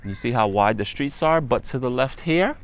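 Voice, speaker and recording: A man vlogging outdoors as he walks, pointing out sights in a relaxed, conversational way. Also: medium pitch, moderate pace. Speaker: travel vlogger. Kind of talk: casual walking tour narration. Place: outdoors on a hot island street.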